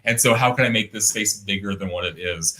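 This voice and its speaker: The recording is rough as a young artist talks briskly on a video call for a casual interview. His slightly low, deep and resonant voice has a bright, forward edge, and he rambles thoughtfully with many fillers and restarted sentences.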